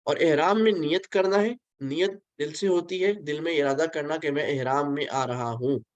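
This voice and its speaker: A man leads a pilgrimage training session over a video call, explaining each rule patiently and checking that his listeners follow. His voice sits a little high for a man. The sound is close and dry, with no room around it. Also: moderate pace, no room sound, highs cut off. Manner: explains patiently, asks listeners to repeat, mixes in English phrases. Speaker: religious instructor. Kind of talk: online pilgrimage training lecture.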